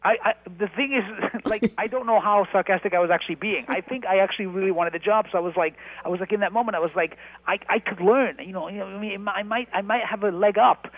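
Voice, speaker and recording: A man's voice: high voice, dry recording. Man on a tinny radio line. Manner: halting, many restarts and fillers, animated when telling stories. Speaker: radio interview guest, actor and writer. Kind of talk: casual conversational interview.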